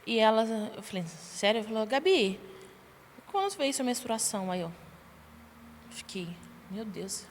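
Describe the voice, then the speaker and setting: A young adult woman, a podcast guest, tells her personal testimony in a lively way and acts out the dialogue she quotes. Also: on the high side, normal speed. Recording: long reverb, faint background noise.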